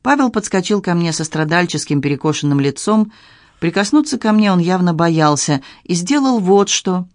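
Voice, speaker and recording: A man reading an audiobook in measured, even narration. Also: high-pitched, no room sound, clean studio sound. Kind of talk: scripted narration.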